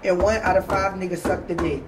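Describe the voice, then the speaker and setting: A woman's voice: lowish voice, steady tone, brisk, noisy background. A woman in casual chat, blunt and insistent, laughing often. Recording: roomy, distant mic with faint ambience.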